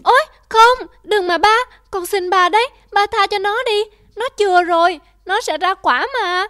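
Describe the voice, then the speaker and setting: A woman voicing a young girl in a children's cartoon, pleading in a high, whiny way. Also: brisk. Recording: loud music bed behind voice.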